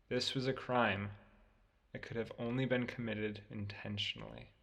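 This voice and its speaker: A male actor leads a scripted first-person radio drama as an obsessive man slowly coming unglued while confessing his fixation. His lowish, creaky voice sounds brooding, deliberate and melodramatic, with mounting disgust, over loud, prominent music.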